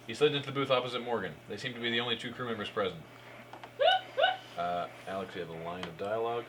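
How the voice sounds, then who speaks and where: He has a fairly low voice and talks fast, serving as narrator for a live, comedic fan fiction read-aloud. Amused at his own stumbles, he prompts his fellow performers in a noisy room recording.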